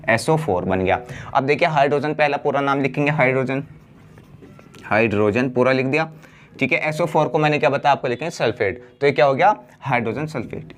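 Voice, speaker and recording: In a blackboard chemistry lesson, a male teacher with a mid-range voice quizzes his class and then supplies the answers. He stretches out the important words, saying them slowly.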